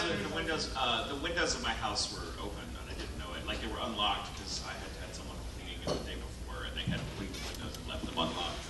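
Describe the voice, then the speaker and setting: A man's voice: mid-range voice, background noise. A male voice actor telling a comic anecdote at a convention panel, acting out the quotes, recorded from far off in the audience. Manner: animated storyteller, acting out quotes loudly. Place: large convention panel room. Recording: echoey hall, taped from far off in the audience. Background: audience murmur and laughter.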